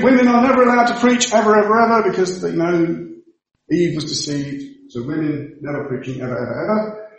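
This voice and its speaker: A male pastor giving a sermon in a church, explaining things emphatically and repeating his key points. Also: sits high. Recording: very echoey church hall.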